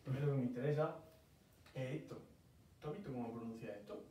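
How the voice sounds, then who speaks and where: A man's voice: medium pitch, fast talker, mellow. A man from Murcia with a Murcian Spanish accent, patiently explaining English pronunciation step by step in a casual one-on-one lesson. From Murcia, Spain. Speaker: English teacher. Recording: very echoey room, mic far off, faint noise.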